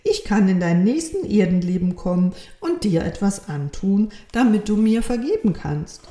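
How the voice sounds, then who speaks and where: A woman's voice: mid-range voice, animated, normal speed, warm tone, natural voice. A woman voicing a kind, loving friendly soul in a storybook reading, speaking in a reassuring, lilting way. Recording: roomy echo.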